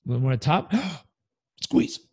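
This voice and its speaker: A man being interviewed on a podcast as a coach, talking in an energetic, motivational way. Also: mid-range voice, brisk, no room sound. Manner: energetic, motivational, leads breathing exercise aloud. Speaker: guest, coach.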